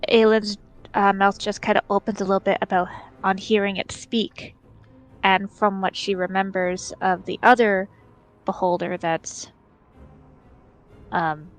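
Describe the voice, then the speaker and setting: A woman's voice: medium pitch, level tone, a little slow, pauses often, faint music behind, rough recording. A woman playing a tabletop role-play game, describing her moves casually and hesitantly.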